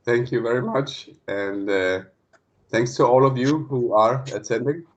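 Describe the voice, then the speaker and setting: A Danish man opens an online guest lecture in a friendly, hesitant way, full of fillers and restarts. His voice is mid-range and a little slow, and the lo-fi call audio sounds dull.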